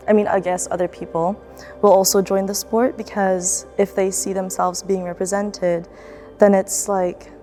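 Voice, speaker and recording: A woman's voice: medium pitch, mellow. Young woman student, from the Philippines. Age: young adult. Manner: casual, reflective, with fillers and restarts. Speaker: student athlete. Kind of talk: documentary interview.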